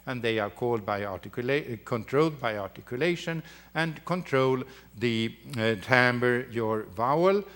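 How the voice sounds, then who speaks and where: Halting male voice-science lecturer. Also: medium pitch, a bit bright. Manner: halting, with many fillers and restarts. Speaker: university lecturer. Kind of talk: academic lecture.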